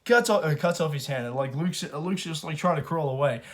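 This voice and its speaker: A man giving a casual, rambling film review, excited and profane. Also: fairly high pitch, a little fast.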